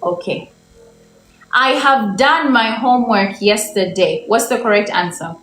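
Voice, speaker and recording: A young Ugandan woman with a slightly high, fairly bright voice teaches English on a livestream. She draws her example sentences out slowly and repeatedly asks viewers for the right answer. The room is echoey, with faint background noise.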